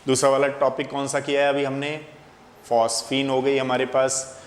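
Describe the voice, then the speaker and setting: A man delivers a classroom-style chemistry lesson in a monotone, mid-range voice at a moderate pace. He works through it step by step, asking questions and answering them himself. The room echoes, with faint background noise.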